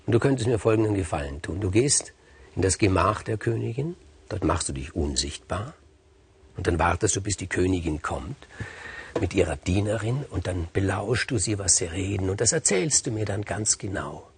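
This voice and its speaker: Haughty storybook king, low and husky, voiced by a male narrator. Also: expressive, heavily acted. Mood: brooding. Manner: haughty and brooding, slow and low. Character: proud, jealous old king.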